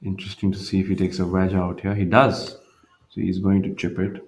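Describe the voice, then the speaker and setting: Low-voiced male golf commentator. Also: little pitch movement, fairly quick.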